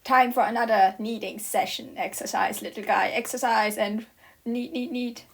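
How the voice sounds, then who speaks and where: A woman's voice: on the high side, fairly even intonation, normal speed, vocal fry. Playful woman narrating her baking. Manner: playful, mock-dramatic asides. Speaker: co-host baking. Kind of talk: casual cooking vlog narration.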